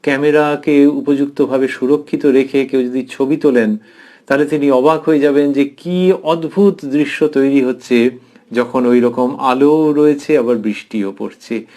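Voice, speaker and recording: A man giving a devotional lecture commentary as a professor, reflective and tender, pausing thoughtfully and slowing down to dwell on phrases. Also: mid-range voice, fairly even intonation. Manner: thoughtful pauses with soft fillers.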